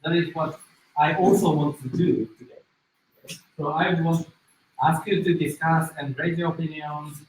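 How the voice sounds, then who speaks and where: Recorded from a distant mic in a very echoey room with faint noise, a man with a Japanese accent gives an interactive demo lecture at a business school, starting with a self-introduction. A native Japanese speaker, he talks slowly and haltingly in a fairly high, steady voice.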